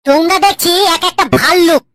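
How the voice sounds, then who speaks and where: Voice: extremely high pitch, a little fast, a bit bright, dry recording. A voice actor playing a flustered woman English teacher in a cartoon, scolding her class. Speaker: schoolteacher.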